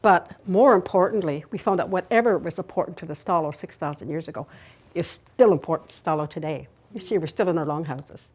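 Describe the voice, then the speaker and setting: A woman's voice: on the low side, brisk, darkish tone. A woman managing a cultural center, explaining its history with proud emphasis. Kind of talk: guided explanation.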